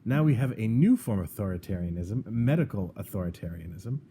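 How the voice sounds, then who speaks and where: A man with a low, mellow, dark voice holds forth in casual podcast talk. He argues his points with sarcasm and often stumbles and restarts mid-sentence. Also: lively intonation, brisk, slight background noise. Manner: sarcastic, argumentative, frequent restarts. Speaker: podcast co-host. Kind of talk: opinionated casual chat.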